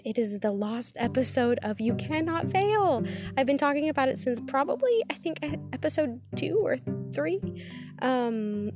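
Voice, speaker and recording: Woman podcast host over loud music. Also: a little high. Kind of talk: casual episode introduction.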